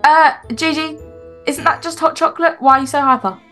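A woman's voice: sits high, fairly even intonation, a little fast, pushed and bright, faint music behind. A woman playing a firm young mum. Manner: firm, instructing. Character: firm, patient mother of young kids. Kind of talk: game role-play voice acting.

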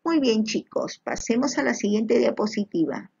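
Patient teacher woman, gravelly and husky. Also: on the high side, sing-song, normal speed, darkish tone, highs cut off. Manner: patient and encouraging, frequent checking questions; addresses pupils as little children. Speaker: primary school teacher. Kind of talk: recorded online lesson over slides.

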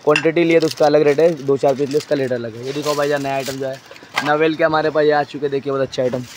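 A man showing stock in a crowded wholesale storeroom, briskly listing items and prices and telling a helper what to hold up. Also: a little high, steady tone, background noise. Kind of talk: walk-through product showcase.

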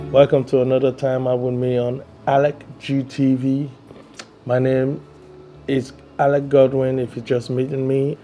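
A man talks to camera for his own vlog in a loose, unhurried way. He often stops to say um or uh while he gathers his thoughts. His pitch sits right in the middle for a man. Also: a little hiss or hum. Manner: relaxed, hesitant, many ums and uhs. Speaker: vlogger host. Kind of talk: casual vlog talk.

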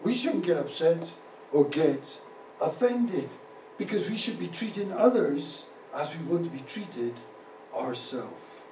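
High, mellow-voiced preaching pastor. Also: male voice, animated, slow, far from the mic, slight background noise. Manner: preaching with rising emphasis, ad-libbing. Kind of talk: sermon. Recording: roomy echo, speaker away from the mic.

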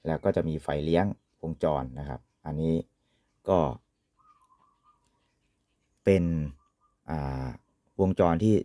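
A man's voice: a bass voice, slow, pauses often, dark tone, no room sound, studio quality. A man giving an informal, polite product demonstration as an equipment reviewer, often ending phrases with courtesy particles.

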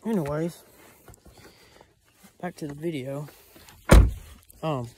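A man's voice: a little high, takes it slowly, heavy background noise. A man talking casually to his own camera outdoors, rambling with many fillers and restarts as he explains things. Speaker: hunting vlogger. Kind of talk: casual self-filmed vlog talk. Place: outdoors on rural land. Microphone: self-filmed camera.

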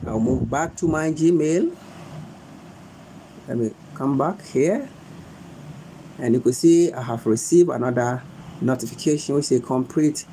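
A young Ghanaian man with a Ghanaian English accent, hosting a live phone tutorial indoors on his phone's front camera. He talks slowly and repeats himself, pleading with viewers to stay. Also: medium pitch, expressive, warm tone, a little hiss or hum, rough recording. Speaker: livestream host.

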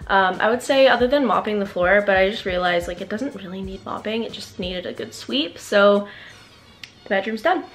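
A woman's voice: medium pitch, moderate pace, a little hiss or hum. Chatty woman vlogging at home. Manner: chatty, many "like" fillers. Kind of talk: casual vlog narration. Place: at home indoors.

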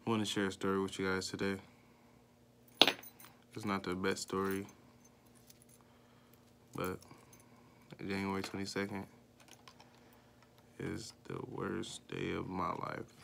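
A young man with a fairly low voice tells a personal story straight to the camera. His delivery is casual and profane, full of fillers. He gets higher and louder as the story heats up. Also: monotone, slow pace, gravelly, long pauses, slight background noise. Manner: loose and profane, with many fillers; voice climbs higher and louder when worked up. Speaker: vlogger.

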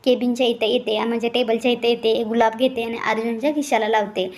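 A woman's voice: a little high, little pitch movement, quick pace. A woman narrating a recap of a TV serial episode in a chatty storytelling way, with small fillers.

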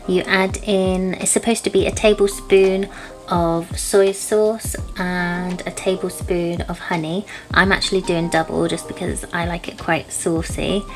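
A young woman from the United Kingdom talking casually through a cooking vlog in her home kitchen, relaxed and chatty, with filler words as she goes. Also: on the low side. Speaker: vlogger. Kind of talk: casual cook-along vlog.

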